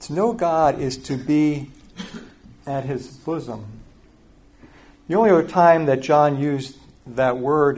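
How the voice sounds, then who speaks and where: An older man with a mid-range voice gives a sermon as pastor. He talks in an easy, conversational way and often sinks to a soft, quiet tone to make a point. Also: medium pitch. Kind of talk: sermon with personal story.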